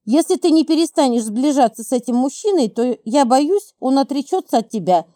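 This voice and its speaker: A woman's voice: high voice, expressive, fast talker, warm tone, no echo, clean studio sound. A woman reading the part of a stern, anxious middle-aged mother who talks in clipped, controlling phrases. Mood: urgent pleading.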